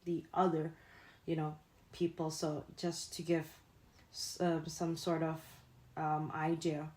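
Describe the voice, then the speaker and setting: A woman's voice: low-pitched, completely flat delivery, slow pace, a little mellow. A young woman from Indonesia, the founder and host of a podcast, talking earnestly with many fillers. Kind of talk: casual podcast chat.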